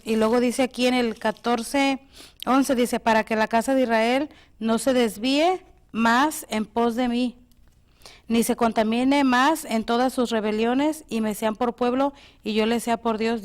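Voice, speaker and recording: A woman co-hosting a devotional show, steadily explaining and reading Bible verses aloud. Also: on the high side. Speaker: co-host.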